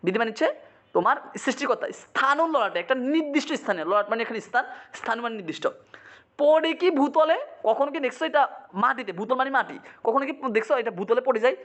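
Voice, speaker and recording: A man, teaching a poem line by line. He asks quick check-in questions, repeats meanings, and sometimes slips into English. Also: very high-pitched, lively intonation, a bit bright. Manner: dramatizes quoted lines, mixing in English. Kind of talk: poetry lesson, line-by-line explanation.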